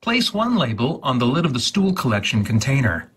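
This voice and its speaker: With a sing-song lilt at medium pitch and a fairly bright tone, a man hosts a dramatic, carefully paced reading of instructions, one step at a time. His voice is husky and breathy, his enunciation exaggerated.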